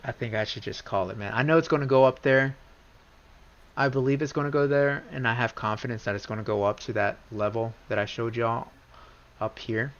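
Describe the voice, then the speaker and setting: A man hosting a live trading stream, talking casually through charts, rambling with many restarts and bursts of excitement. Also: mid-range voice, fairly quick. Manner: rambling, restarts often, gets excited and repeats himself. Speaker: livestream trading host. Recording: slightly dull lo-fi stream audio.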